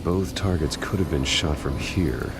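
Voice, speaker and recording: A man playing a grim, menacing masked vigilante detective in a video game, with a terse, gravelly growl. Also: a bass voice, a little slow, background noise, heavily acted. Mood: terse, analytical. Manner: terse, clipped, threatening. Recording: loud game music behind the voice.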